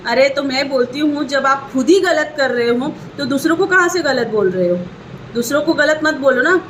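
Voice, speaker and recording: A woman's voice: high-pitched, lively intonation, normal speed, fairly bright tone, a little hiss or hum. A young woman, an online seller, venting angrily in a vlog about a customer who cheated her, repeating her points with heat. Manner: indignant, ranting, repeats points. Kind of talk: angry complaint vlog.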